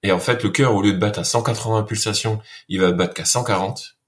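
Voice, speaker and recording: A lower-pitched man speaks earnestly, pausing often and restarting his sentences as he recounts harsh military training. His delivery is casual and conversational, the way a guest talks in an interview. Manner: earnest, many fillers and restarts. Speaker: guest, former soldier.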